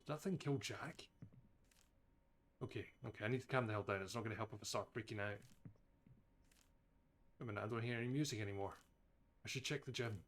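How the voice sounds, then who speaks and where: A Scottish man streaming a horror game live, reading the characters' lines aloud and breaking into excitable outbursts. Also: fairly low pitch, a little fast, long pauses. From Scotland. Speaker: gaming streamer. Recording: clear background noise behind voice.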